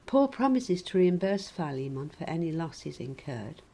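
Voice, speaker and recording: A woman preaching a sermon in a measured, gently wry reflective way. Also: sits low, big pitch swings, low-quality recording.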